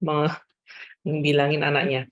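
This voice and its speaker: Brief: polite questioner on a video call, mid-pitch, plain delivery. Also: level tone, a little slow, lo-fi sound. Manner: polite, addresses the speaker as sir. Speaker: webinar participant asking a question. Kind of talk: reading out a consultation question.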